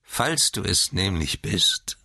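A man's voice: low-pitched, sing-song, slow pace, gravelly, bright, forceful tone, slightly rough, dry recording, studio quality, voice pushed up, heavily acted. A man voicing a peevish newborn who is seventy years old, with a cracked, quavering voice and a whining manner. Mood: whiny.

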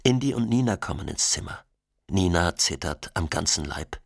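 A man narrating an audiobook in an expressive way, switching voices for the characters. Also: low voice, normal speed, gravelly, no echo, studio quality.

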